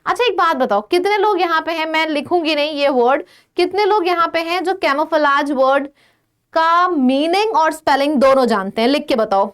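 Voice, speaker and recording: Indian woman tutor, high bright voice, rattles off synonym lists, slows down on the English words. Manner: lists many synonyms in a row, checks in with "ठीक है"; mixes Hindi with English words, slows down to stress English phrases. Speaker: English vocabulary teacher. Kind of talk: exam-prep vocabulary lesson.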